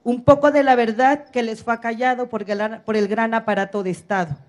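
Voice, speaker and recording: A woman's voice: a little high, steady tone, a little fast. A middle-aged woman, reading a solemn speech at a podium, building her points in rhythmic lists of short phrases. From Mexico. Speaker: activist speaker at a public apology event. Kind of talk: formal speech read from notes. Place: large bright hall, at a podium. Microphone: podium microphone on a stand, filmed from afar.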